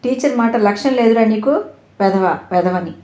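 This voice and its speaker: A woman's voice: fairly high pitch, normal speed, darkish tone, reverberant, lightly acted. A woman voicing a stern, short-tempered schoolteacher who scolds her class sharply. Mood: scolding.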